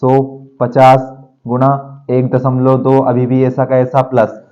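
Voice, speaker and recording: A man's voice: mid-range voice, monotone, slow, dull audio. Male maths teacher, talking in a classroom, teasing and counting out sums aloud. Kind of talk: classroom lecture.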